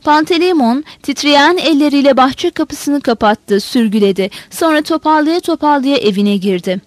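High-voiced woman reading a novel aloud. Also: animated, moderate pace, no echo. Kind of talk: audiobook narration.

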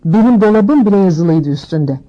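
A woman's voice: mid-range voice, animated, normal speed, lo-fi sound, close to an everyday voice. A woman voicing an indignant eleven-year-old boy who insists angrily. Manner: insistent, angry.

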